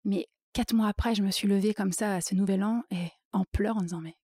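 A woman's voice: mid-range voice, fairly even intonation, fairly quick, a little mellow, husky, no room sound, studio quality. A woman guest in a casual interview, telling her career story with many fillers and acting out her own inner thoughts.

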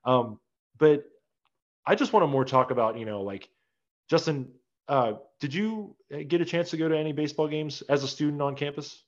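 A man's voice: a little high, moderate pace. A young man hosting a casual sports chat, rambling loosely with lots of fillers. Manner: laid-back, filler-heavy rambling. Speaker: podcast host. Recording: slightly dull lo-fi audio.

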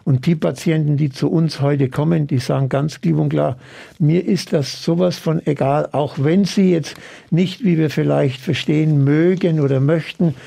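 A man who runs a treatment practice, explaining his therapy approach earnestly and in measured steps in an interview. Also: a little high, steady tone, vocal fry, warm tone. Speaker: osteopathic practitioner.

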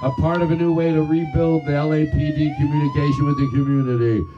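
A man's voice: on the high side, huge pitch swings, quick pace, very noisy. A man plays a police officer calling out through a car megaphone, his voice swinging up and down as he barks commands. The sound is dull and lo-fi, buried under wailing sirens. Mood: jokey. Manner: barking commands, then jokey party talk. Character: male police officer announcing from a patrol car. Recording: muffled lo-fi audio under loud sirens.

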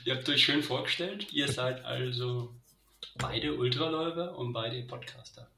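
A man's voice: mid-range voice, moderate pace, noisy background. A man hosting a casual podcast interview, playfully teasing as he puts questions to his guests. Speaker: podcast host. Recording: roomy, echoing sound.

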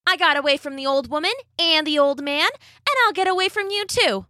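A woman's voice: high voice, a little fast, bright, forceful tone, dry recording, clean studio sound, voice pushed up. A woman voicing a cocky little gingerbread cookie man who taunts in a sing-song chant. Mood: taunting.

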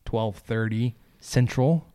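A man from Texas with a gentle giant voice, hosting a sports podcast in a loose, informal, conversational way. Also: mid-range voice, slow pace. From Texas, United States. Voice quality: gentle giant voice, soft and big. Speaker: podcast host. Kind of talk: casual sports podcast chat.

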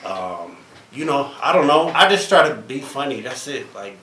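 A man's voice: medium pitch, very animated, normal speed, fairly bright tone. A man in his thirties, a stand-up comedian guest, talking casually in a laid-back drawl full of slang. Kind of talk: casual podcast chat. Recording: echoey room with faint noise.

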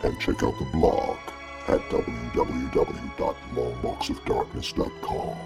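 A man playing a creepy, menacing horror host in a theatrical podcast promo, with a gravelly voice. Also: very deep voice, wildly swooping pitch, unhurried, full character voice. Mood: menacing, taunting. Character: creepy male horror host taunting mortals. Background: music.

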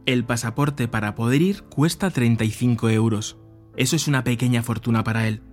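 Measured male documentary narrator. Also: medium pitch, darkish tone, faint music behind. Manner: measured, descriptive. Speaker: podcast narrator, journalist.

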